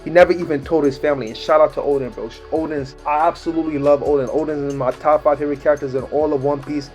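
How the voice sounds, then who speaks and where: An excited man talks through a manga chapter in loose slang, filling his sentences with fillers. His voice sits a little high. Faint music plays under him. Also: fast talker. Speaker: anime reaction creator. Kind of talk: casual manga chapter breakdown.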